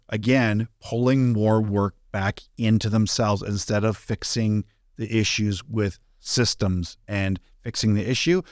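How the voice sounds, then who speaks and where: A man's voice: lowish voice, dry recording, clean studio sound. A man co-hosting a business podcast, reflective and emphatic, often restarting his sentences. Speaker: podcast co-host and business coach. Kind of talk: casual podcast conversation.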